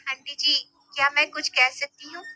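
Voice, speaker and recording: A woman's voice: little pitch movement, moderate pace, bright, forceful tone. A woman doing an outspoken protective sister. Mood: indignant. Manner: high, earnest, indignant.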